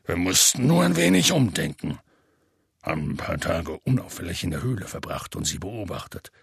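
Hagrid, a gravelly deep giant. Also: male voice, very animated, normal speed, no room sound, clean studio sound, full character voice. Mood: gruff storytelling. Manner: rough, folksy storytelling with curses. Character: huge gruff half-giant gamekeeper, rough and warm-hearted. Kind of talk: audiobook character voice.

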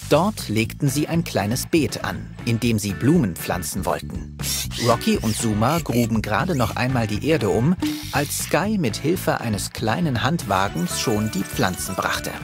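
A man's voice: medium pitch, big pitch swings, measured pace. A man narrating a scripted story for children. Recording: prominent music behind.

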